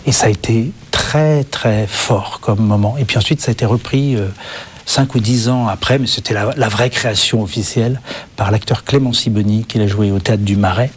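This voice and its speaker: Man, guest author, TV interview, halting, many restarts, from France, light hiss. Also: on the low side. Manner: hesitant, many restarts and fillers. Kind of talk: television interview.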